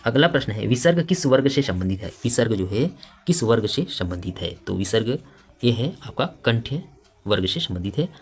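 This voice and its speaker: A man's voice: lowish voice, lively intonation, moderate pace. A man teaching a grammar lesson for exam preparation, reading out each question and its options and explaining them step by step with frequent fillers.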